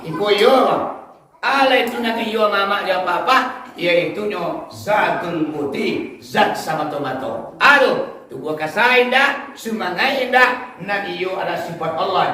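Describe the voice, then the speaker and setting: A male preacher with a Minangkabau accent, giving a lively sermon and chanting dhikr, rising now and then to shouts. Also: high-pitched. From West Sumatra, Indonesia. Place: village hall or mosque, live event. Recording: echoey hall sound from far off.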